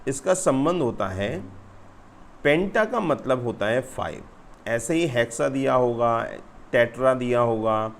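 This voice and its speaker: A male teacher delivers an exam-prep lecture at a middle pitch, explaining step by step and calling his viewers friends. He slows almost to a crawl whenever he reads a question aloud. A faint hiss of background noise sits under his voice. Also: creaky. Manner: explains patiently, keeps addressing viewers as friends; slows sharply to read English questions aloud.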